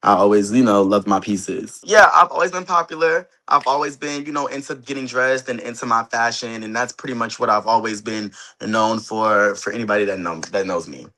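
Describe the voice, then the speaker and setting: A man's voice: on the low side, a little fast, few pauses, sharp tone. Chatty man. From Queens and Harlem, New York, later Delaware. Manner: chatty, emphatic, repeats himself. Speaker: interview guest, celebrity stylist and reality show cast member. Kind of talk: casual interview chat. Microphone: phone on a video call.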